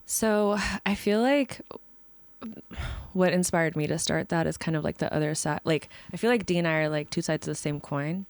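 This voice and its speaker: A woman with a low, smooth voice and gravelly edges talks in a relaxed, reflective way. She uses plenty of fillers. The sound is dry and close. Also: moderate pace, no echo. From born in the United States, raised partly in Ethiopia. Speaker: guest, film series organizer. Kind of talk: casual conversation.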